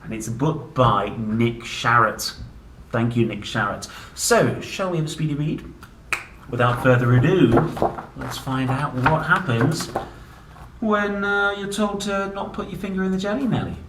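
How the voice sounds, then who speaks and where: Reading a picture book to young children, a male host and book reader speaks at medium pitch and a little slowly, acting it out playfully with exclamations and questions for his listeners. The recording is noisy and roomy, from a distant microphone.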